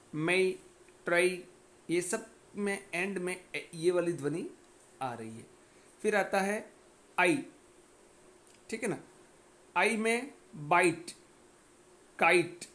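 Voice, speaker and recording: A man teaching a phonetics lesson. He explains step by step, checks in often with his listeners and reads example words out one at a time. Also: high voice.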